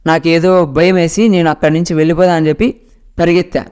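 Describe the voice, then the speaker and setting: A man's voice: on the high side, little pitch movement, fast, darkish tone, clear, resonant tone. A man narrating a first-person ghost story in a dramatic storytelling manner.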